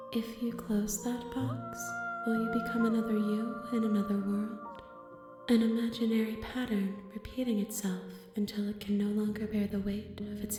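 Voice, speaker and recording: A woman playing an infinite, otherworldly princess entity in a video game, speaking in a serene, measured, cryptic and poetic way. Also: mid-range voice, natural voice. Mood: hushed, cryptic. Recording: echoing voice under game music. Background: clear background music.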